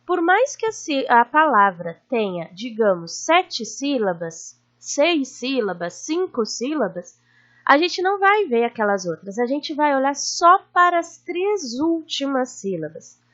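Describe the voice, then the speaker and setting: A Brazilian woman teacher giving a recorded lesson to children, drawing out syllables slowly and checking in with her pupils. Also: sits high, very animated, highs cut off. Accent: Brazilian Portuguese. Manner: slow, drawn-out stressing of syllables; warm teacherly questions to pupils.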